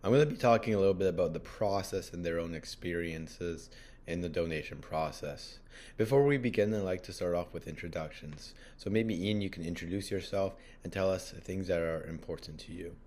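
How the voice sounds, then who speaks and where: A man's voice: low voice, brisk, a little mellow. A man hosting an interview, giving a prepared, polite introduction. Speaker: interviewer, host.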